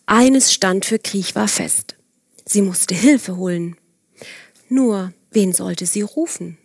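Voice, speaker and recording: A woman narrating a gentle children's story, speaking calmly and directly to the children and now and then dropping to a soft whisper. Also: mid-range voice, slow pace, breathy edge, no echo, clean studio sound.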